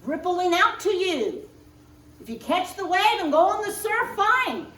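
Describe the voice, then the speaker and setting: A woman minister preaching a sermon, speaking in slow, emphatic spiritual affirmations, recorded in a church sanctuary. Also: very high-pitched, very animated, fairly bright tone. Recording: roomy distant church recording.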